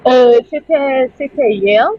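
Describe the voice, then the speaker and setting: Slow, halting woman with a Haitian accent. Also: sits high, dull audio, slight background noise. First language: not French. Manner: hesitant, halting with many restarts. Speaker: caller.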